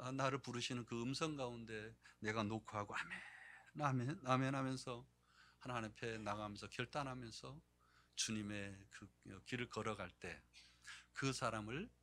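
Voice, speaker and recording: A man preaching a sermon as pastor, animated, swinging between loud emphasis and hushed low delivery. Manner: acts out quoted speech in changed voices. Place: church sanctuary.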